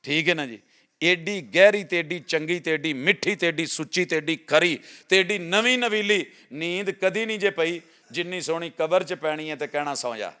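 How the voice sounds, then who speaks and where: A male preacher with a Punjabi accent delivers a sermon in a smooth, resonant voice that sits fairly high. He tells stories and moves between loud, urging calls and soft, hushed passages. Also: normal speed. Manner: storytelling with swings from loud exhortation to soft hushed tones.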